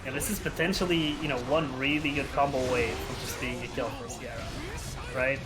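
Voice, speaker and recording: A man's voice: medium pitch, fairly even intonation, brisk. A man commentating a fighting game tournament, talking through what each player can do. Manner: analytical, talks through the players' options. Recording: game music behind commentary. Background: game music.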